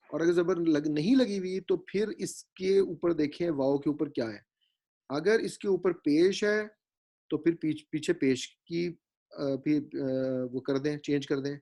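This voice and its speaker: Patient and explanatory, a man gives a grammar lecture in a warm, fairly high voice. He slowly works through vowel marks, blends English words into his speech, and keeps checking that his students are following.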